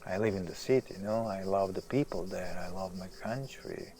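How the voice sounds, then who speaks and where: A low-pitched male voice at a moderate pace plays a famous writer, anguished, self-doubting, restless, and self-deprecating, in a wistful naturalistic audio drama monologue. Brooding and intense, he alternates hushed and emphatic delivery against clear hiss and outdoor nature sounds.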